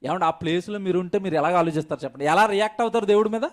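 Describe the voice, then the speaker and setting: A man's voice: sits high, racing. A male pastor preaching an emphatic sermon at a church service, firing rhetorical questions at the congregation.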